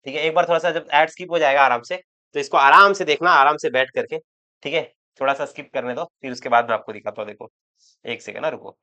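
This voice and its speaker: A man's voice: medium pitch, pushed and bright, muffled recording. A male chemistry teacher giving an online exam-prep lecture. He talks in a loose, chatty way, repeats words over and over for emphasis, and drops joking asides to his students.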